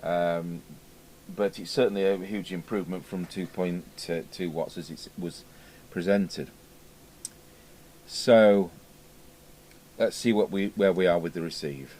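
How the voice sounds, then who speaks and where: This radio repair technician has a low, steady, somewhat dark voice and an unhurried delivery with long pauses, mumbling his thoughts aloud during a relaxed, hands-on repair demo. Audio quality is poor, with distinct background noise and the ambience of a workshop, recorded indoors at his repair bench.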